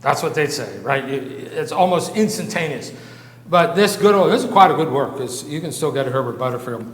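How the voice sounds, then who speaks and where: An American man preaching a sermon-style lecture, halting and repeating words, earnest and emphatic. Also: fairly high pitch, lively intonation. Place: church. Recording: echoey church hall.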